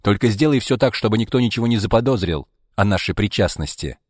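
Brief: male reader playing a short-tempered man of power, raised, sharp, deep voice. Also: expressive, fast talker, breathy edge, no echo, studio quality. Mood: stern. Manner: loud, agitated, shouting. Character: irritable powerful middle-aged man, half-brother.

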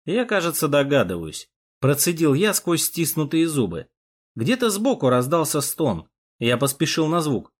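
A man narrating a war story in the first person, expressive and dramatic. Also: fairly high pitch, measured pace, slightly rough. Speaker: audiobook narrator.

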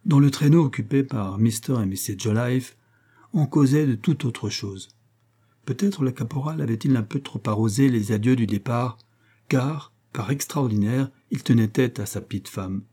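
A man narrating a classic adventure novel as an audiobook, in a measured, even storytelling manner. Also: mid-range voice, breathy edge. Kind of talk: scripted narration.

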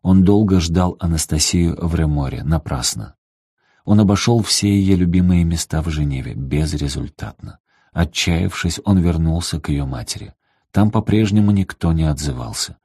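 Low husky male audiobook narrator. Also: dry recording, clean studio sound. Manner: steady, measured storytelling. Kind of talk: scripted narration.

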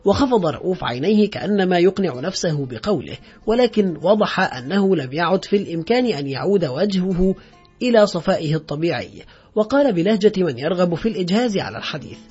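A man reads a literary novel aloud in a measured, scripted narration. His voice sits high and sounds husky. A faint music bed plays under the dull, lo-fi recording. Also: animated, a little mellow. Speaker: audiobook narrator.

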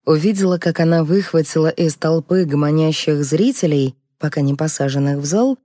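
A woman narrating an audiobook in a lively, expressive way. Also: deep voice, normal speed, no room sound, studio quality.

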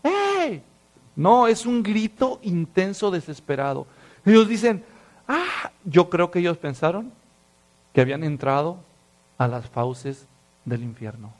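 High-voiced preacher. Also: male voice, measured pace. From Mexico. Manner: animated storytelling, acts out voices, drops to hushed tones. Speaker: pastor. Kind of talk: sermon.

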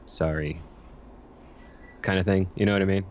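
Deep-voiced male podcast guest. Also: steady tone, normal speed, darkish tone, dull audio, slight background noise. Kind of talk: casual podcast chat.

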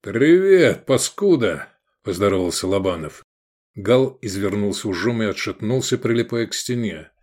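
A man's voice: fairly low pitch, moderate pace, a little mellow. A man narrating an adventure audiobook, voicing every character expressively.

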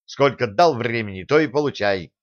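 A man's voice: medium pitch, lively intonation, moderate pace, lightly acted. Man voicing a grumbling stubborn old teacher. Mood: irritable. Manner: grumbling, irritable, defiant. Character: grumpy stubborn elderly teacher, craftsman. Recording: dull lo-fi sound.

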